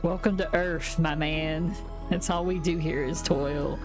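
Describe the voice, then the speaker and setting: A woman streamer casually commenting while playing a game, with relaxed, joking asides. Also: sits low, unhurried. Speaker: gaming streamer. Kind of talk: let's play commentary. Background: game music.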